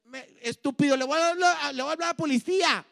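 Man doing a shrill angry young woman. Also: fast talker, gravelly, a bit bright, full character voice. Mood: indignant. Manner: shrill, scolding.

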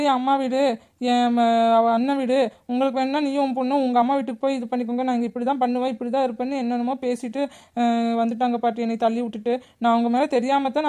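An earnest young schoolgirl in a family cartoon, voiced by a woman. She explains herself quickly in a high voice to her father and grandmother. She sounds sincere and a little aggrieved. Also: mellow, lightly acted.

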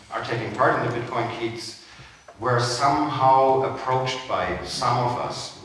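Male panelist, 40s, chatty and animated, headset mic in an echoey hall. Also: mid-range voice. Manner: animated, gesturing, relaxed and chatty. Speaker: conference speaker. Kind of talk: panel talk answering questions. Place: conference stage, seated in a large hall. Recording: echoey hall from far off, noisy.

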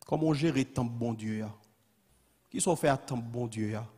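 A man's voice: medium pitch, normal speed, warm tone, husky. A man preaching a fiery sermon as a pastor, repeating his calls in a rising, insistent cadence. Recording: long hall reverb.

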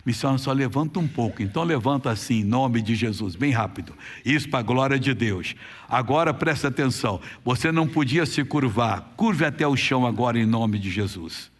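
A man's voice: mid-range voice, expressive, brisk. A man with a Brazilian Portuguese accent, leading a healing prayer sermon in commanding, repeated orders. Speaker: preacher. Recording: long hall reverb.

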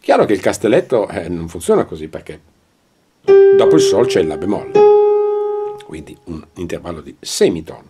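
A man with an Italian accent teaching a piano lesson, pausing often and demonstrating scales at the keyboard. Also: low voice, very animated. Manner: explains slowly with fillers, demonstrating at the keyboard. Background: piano playing.

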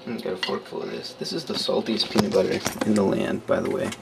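A young man with a low, gravelly voice talks fast with huge pitch swings while hosting a casual cooking demo in his small kitchen at night. He's loose, offhand and full of fillers, and the close handheld camera mic picks him up with noisy audio.

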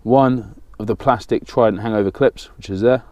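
Deep-voiced man explaining a fishing rig. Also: normal speed, darkish tone, no room sound. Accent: southern English. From England. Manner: plain, practical, talks while working with his hands. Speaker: fishing channel host. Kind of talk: step-by-step tutorial. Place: small indoor studio with banner backdrop.

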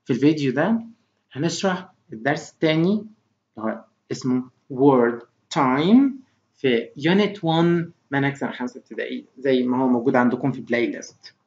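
A man's voice: medium pitch, darkish tone. Egyptian man teaching in an echoey room. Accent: Egyptian Arabic. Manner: slow drawn-out words for the class to repeat, mixing English and Arabic. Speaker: English teacher. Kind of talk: recorded classroom lesson. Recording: roomy, dull lo-fi recording.

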